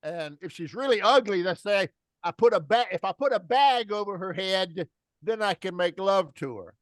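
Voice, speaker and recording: High-voiced American man, jokey storyteller. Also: animated, moderate pace, dry recording. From United States. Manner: jokey, explains slang. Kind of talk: casual storytelling.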